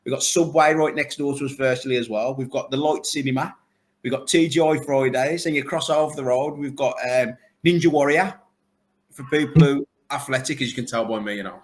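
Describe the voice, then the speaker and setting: In a casual interview, an arcade owner with a mid-range voice talks fairly quickly and at length. He's enthusiastic and rambling, piling on superlatives.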